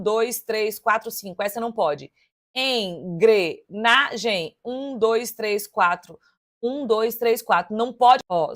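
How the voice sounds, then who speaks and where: A woman teaching for an exam, working through test questions aloud in a lively, chatty way and speaking straight to her students. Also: a little high. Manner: lively and chatty, addressing students directly, counting syllables aloud. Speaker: Portuguese teacher.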